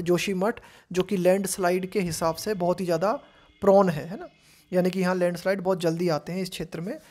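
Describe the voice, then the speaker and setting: An Indian woman teaching English, reading editorial phrases slowly and explaining each one in Hindi. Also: fairly low pitch, darkish tone.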